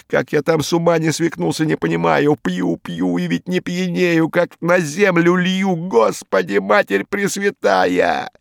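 A terrified, superstitious crook informer, as a man puts him on, his voice pushed up high and strained. He rambles and pleads in a jumpy rush, with a gravelly rasp under it. The audiobook read is dry and close. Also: no room sound. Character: frightened, superstitious male gangster informer.

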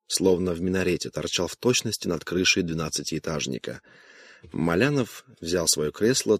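A man narrating an audiobook in an even, unhurried reading. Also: deep voice, husky, dry recording.

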